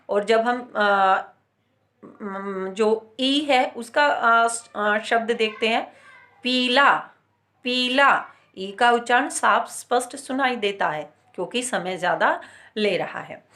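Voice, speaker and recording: A woman teacher giving a grammar lesson, saying each example word twice and pausing often with filler sounds. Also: on the high side, fairly bright tone. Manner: frequent hesitant filler sounds. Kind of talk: recorded grammar lesson for students.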